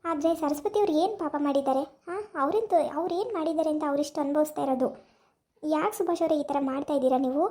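[name], a woman voicing an insistent young wife, scolding questions, very high voice, brisk rapid delivery, amateur village drama. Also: dark tone, lightly acted. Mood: earnest.

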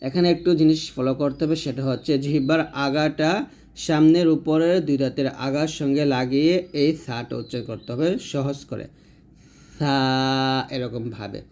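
A man teaching Arabic letter pronunciation, patiently repeating each sound slowly for learners to copy. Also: mid-range voice, mellow. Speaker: Quran reading teacher. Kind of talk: step-by-step pronunciation lesson.

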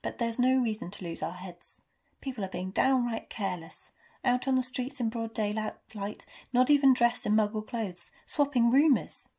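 A woman's voice: mid-range voice, moderate pace, darkish tone, natural voice. A woman voicing a stern, proper witch professor from a storybook, clipped, emphatic and easily flustered. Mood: irritable. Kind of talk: storybook character reading.

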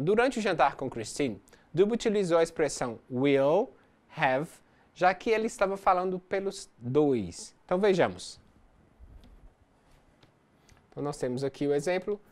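Course teacher, methodical explainer, animated intonation, mid pitch. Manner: explains step by step, reads English examples slowly. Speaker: English teacher. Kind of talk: recorded distance-learning lesson.

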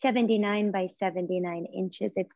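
A visual artist in her forties, whose first language is Japanese, speaks softly and reflectively over a video call, with many pauses and restarts. Her medium-pitched voice stays fairly even, and the laptop or phone camera audio is muffled and lo-fi, with no echo.

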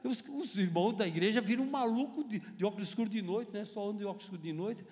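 A man with a Brazilian Portuguese accent preaching a testimony to a live congregation, animated and joking with the audience, breaking into shouted exclamations. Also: high-pitched, fast talker. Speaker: guest preacher. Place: church hall with live audience. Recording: long hall reverb.

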